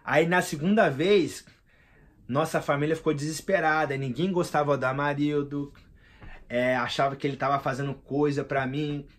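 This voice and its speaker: A man tells a personal story in a lively, slangy way, calling the listener "cara". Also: a little high, normal speed. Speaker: vlogger.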